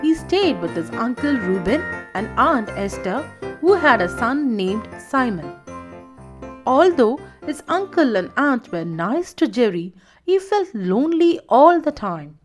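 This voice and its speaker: A woman hosting a children's story show, narrating in an expressive, sing-song way. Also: fairly high pitch, unhurried, soft background music. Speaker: storytelling host.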